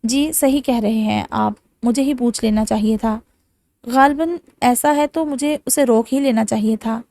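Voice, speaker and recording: A woman's voice: fairly high pitch, gravelly, warm tone, no echo. A woman voicing an irritable, troubled young married man in an audiobook. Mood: bitter. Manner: curt, bitter.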